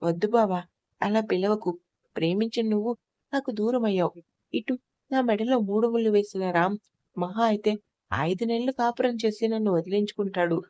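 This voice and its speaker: A woman's voice: medium pitch, normal speed, pauses often, warm tone, no room sound, natural voice. A woman voicing a heartbroken young bride who pleads sorrowfully, in a dull lo-fi recording.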